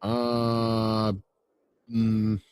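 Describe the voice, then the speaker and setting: A man co-hosting a podcast, speaking in a hesitant way with many "uh"s and pauses. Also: on the low side, completely flat delivery, darkish tone, clear, resonant tone, no echo. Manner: hesitant, full of "uh" and "let's see". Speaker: podcast co-host. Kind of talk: casual chat.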